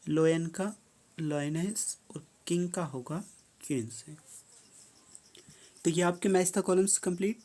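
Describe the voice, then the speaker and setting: Speaking in a mellow mid-range voice, a teacher goes over a worksheet one step after another, reading each English prompt slowly and then clarifying it in simple words.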